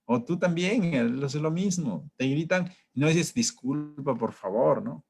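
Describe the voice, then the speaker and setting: A man leads a training session in a relaxed, conversational way. He keeps checking in with his listeners through rhetorical questions. Every so often he acts out an angry driver shouting. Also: on the high side, unhurried, creaky. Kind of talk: training talk.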